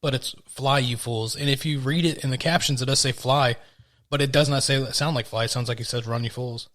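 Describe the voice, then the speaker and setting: A man's voice: mid-range voice, steady tone, brisk, a bit bright. A man co-hosting a podcast in loose, casual chat, rambling and swearing freely. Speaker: podcast co-host.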